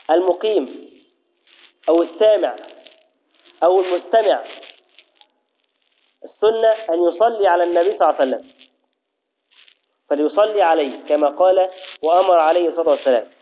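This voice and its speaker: A man teaching a religious lesson, explaining step by step, reciting formulas slowly and often checking that his students follow. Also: sits high. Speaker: Islamic jurisprudence teacher. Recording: tinny phone-like audio.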